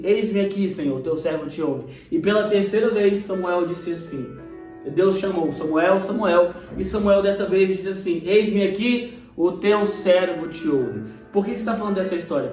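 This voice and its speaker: A young man with a Brazilian Portuguese accent giving a casual, animated sermon to camera, acting out Bible scenes. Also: high-pitched, far from the mic. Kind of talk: casual preaching video. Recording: echoey room, voice off-mic, faint music.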